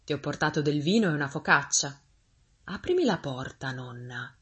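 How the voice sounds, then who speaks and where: Woman doing the big bad wolf, low and sneaky, real husky, soft and coaxing. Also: lively intonation, normal speed, full character voice. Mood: sly. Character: sly soft-spoken male wolf.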